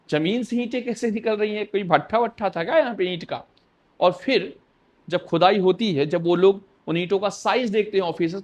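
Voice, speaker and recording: A male teacher giving an exam-prep history lecture, asking questions aloud and answering them himself. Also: high-pitched.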